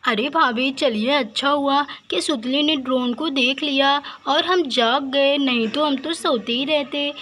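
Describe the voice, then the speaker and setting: A woman's voice: high voice, a little slow, hardly any pauses, fairly bright tone. A woman voicing a fearful young village woman in a doll story, who talks in a chatty, worried way. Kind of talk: doll story role-play.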